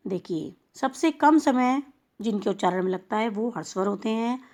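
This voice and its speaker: A woman teacher giving a recorded lesson to young schoolchildren, speaking slowly and spelling out each sound one by one. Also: a little high, animated, a little mellow. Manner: slow, explanatory, spelling out sounds. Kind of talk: recorded class lesson for children.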